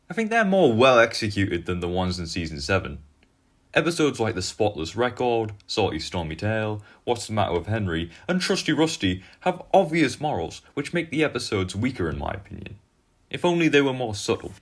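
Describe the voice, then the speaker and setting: Man, video essay host, earnest and opinionated, lowish voice, lively intonation. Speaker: YouTube commentator.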